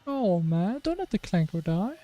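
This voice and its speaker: A man's voice: sits high, sing-song, normal speed, mellow, lo-fi sound. A young man streaming a game, giving casual, emotional commentary and often tagging "man" onto his sentences. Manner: emotional, keeps saying "man".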